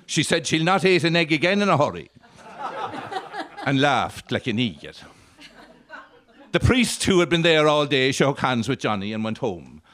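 Lilting Irish male storyteller, animated and droll. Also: medium pitch, moderate pace. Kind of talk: comic storytelling monologue. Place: live on stage at an arts centre.

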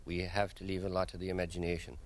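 A man with a Kerry Irish accent, answering interview questions as a local guide with measured, storytelling delivery. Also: sits low, monotone. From County Kerry, Ireland.

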